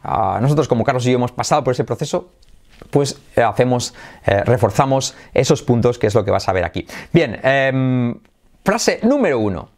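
A man gives an English pronunciation lesson. His voice sits at a medium pitch. He explains each key sound and repeats practice sentences slowly for the learners. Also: big pitch swings, a little mellow. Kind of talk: spoken language lesson.

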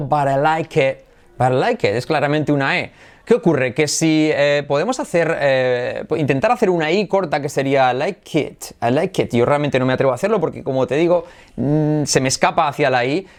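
In an energetic video lesson, a man with a Spain Spanish accent teaches English pronunciation at a medium pitch. He often switches into English to model how words sound.

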